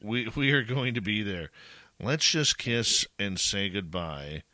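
A man's voice: fairly low pitch, animated, takes it slowly, pushed and bright, no room sound. A man in his forties hosting a casual podcast chat, enthusiastic and friendly, often repeating himself. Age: 40s. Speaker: podcast host.

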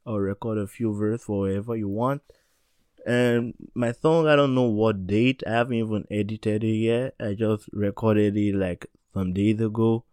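A man's voice: on the low side, fairly even intonation, normal speed, a little mellow, clean tone, no room sound. A man hosting a casual music review podcast, rambling and often restarting his sentences in loose slang. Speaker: podcast host.

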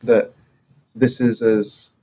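A man from Morocco co-hosting a casual podcast discussion, talking in halting stops and starts with many fillers. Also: mid-range voice, flat delivery, mellow, slight background noise. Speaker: podcast co-host.

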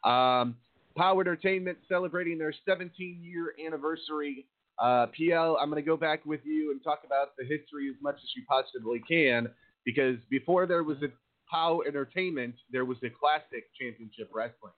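Through a thin, phone-like connection comes a man hosting a live wrestling talk show on internet radio. His voice sits a bit on the high side. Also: moderate pace.

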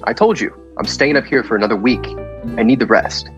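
A man's voice: mid-range voice, fairly quick, muffled recording, over music, natural voice. An actor playing a trusting, stubborn, reassuring man in an old radio drama. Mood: defensive.

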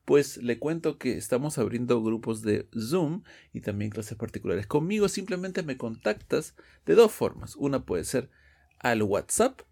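A man's voice: mid-range voice, sing-song, a little slow, gravelly, a little mellow, slightly rough. A man teaching English pronunciation in a podcast lesson, explaining step by step and often checking with "ok?".

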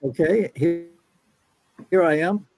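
A man joining by call from on the road, his audio cutting in and out, speaking in short halting phrases. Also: on the high side, creaky, a little mellow. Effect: call audio breaking up and cutting out. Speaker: guest. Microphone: video call, then phone.

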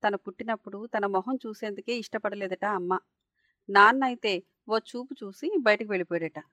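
A woman's voice: medium pitch, moderate pace, bright, forceful tone, dry recording. Woman storyteller, earnest emotive narration, dry close recording.

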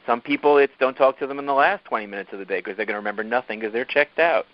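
A man, a team-building coach, telling stories animatedly as an interview guest, often jumping up in pitch for emphasis. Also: very fast, no echo, muffled recording. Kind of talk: interview storytelling.

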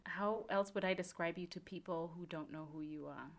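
A woman's voice: on the low side, brisk, gravelly. A woman hosting a podcast, chatting casually and laughing often, with plenty of fillers. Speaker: podcast host. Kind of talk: casual chat.

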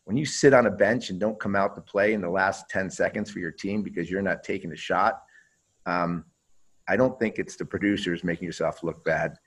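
Guest type: ex-pro hockey player, deeper man's voice, loose and profane, rambling storyteller. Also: moderate pace, fairly bright tone, poor audio. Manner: rambling, profane, repeats words and restarts. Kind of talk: casual interview storytelling.

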